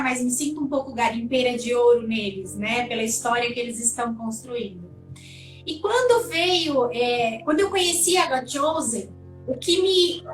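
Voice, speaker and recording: A woman in her forties with a Brazilian Portuguese accent speaks in a high, chatty, heartfelt way. She sounds set back from the mic in an echoey room. Faint music plays behind her. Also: a bit bright, far from the mic. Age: 40s. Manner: chatty, heartfelt, uses fillers like "né". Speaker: livestream host. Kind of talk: casual conversational interview.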